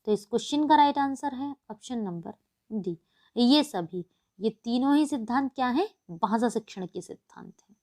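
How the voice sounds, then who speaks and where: Woman tutor, higher voice, steady patient exam-prep delivery. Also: moderate pace. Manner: explains patiently, repeats questions back to the class. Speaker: teacher. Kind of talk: exam-prep lesson, reading questions and answers.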